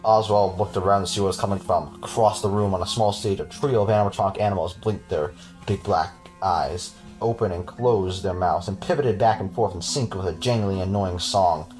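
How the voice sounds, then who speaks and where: A man's voice: low-pitched, brisk, a little mellow, soft background music. A man hosting a podcast, reading a horror story aloud with casual, chuckling asides to his cohost.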